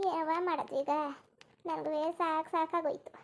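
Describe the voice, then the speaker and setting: Girija, shrill bitter old mother-in-law. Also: level tone, moderate pace, a bit bright. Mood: moaning, self-pitying. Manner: wailing, moaning and cursing under her breath. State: in pain with a hurt back. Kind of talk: cartoon voice acting.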